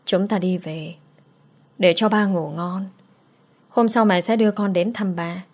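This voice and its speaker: Young mom talking softly to her kid, gentle but firm, woman reading it. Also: lowish voice, fairly even intonation, a little slow. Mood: coaxing.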